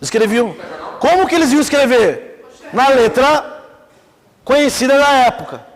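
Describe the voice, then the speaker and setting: A very high-pitched man speaks a little slowly, his voice followed by a long reverb tail. Lecturing informally on Islamic theology with a Brazilian accent, he tells vivid stories and asks his class questions.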